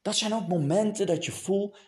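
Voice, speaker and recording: A man preaching a passionate sermon to a congregation, dropping to a hush and then rising to a near shout. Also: sits high, normal speed. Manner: passionate, swings from hushed to raised. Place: church hall before a congregation.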